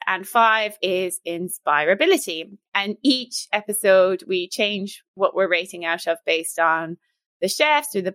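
A woman co-hosting a casual podcast, talking fast and enthusiastically about recipes with frequent laughter. Her voice sits at a middling pitch and is recorded close and dry, with no room sound. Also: fairly bright tone, dry recording. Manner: chatty, enthusiastic, laughs often. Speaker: podcast co-host. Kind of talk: casual chat.

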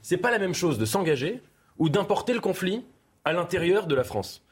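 A man speaking as a guest on a TV debate panel, building measured, essayistic arguments. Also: sits high, sing-song, breathy edge.

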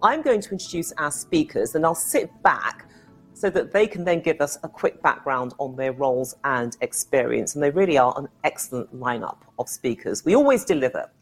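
A woman's voice: extremely low pitch, moderate pace, soft background music. A woman hosting a business webinar, introducing speakers with light joking asides. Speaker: host.

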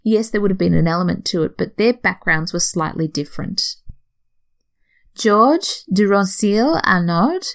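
Woman host, lower voice with some fry, chatty and explanatory, lesson-style delivery. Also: fairly quick, hardly any pauses. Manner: explanatory, conversational, self-correcting. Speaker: podcast host. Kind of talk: educational talk.

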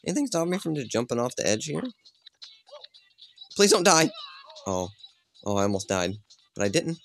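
A woman giving excitable, profane, joking commentary while playing a video game for an audio let's play. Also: a bass voice, fast talker, slight background noise. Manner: excitable, swears a lot, jokes while playing.

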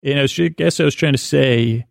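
A podcast host delivers a rambling, whimsical bedtime monologue in a creaky, mumbling, medium-pitched voice. He meanders and halts, stammering and repeating words in a silly, self-deprecating way, recorded at studio quality with no room sound.

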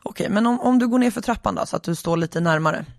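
The podcaster voicing a patient family doctor who gives calm instructions over the phone in a raised voice. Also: medium pitch, vocal fry, dry recording, clean studio sound, natural voice. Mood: instructive.

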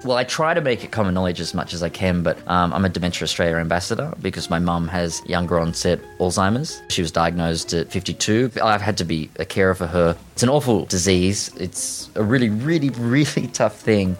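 A man's voice: deep voice, fairly quick, few pauses, faint music behind. A man actor speaking sincerely and earnestly in an interview. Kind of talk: interview answer.

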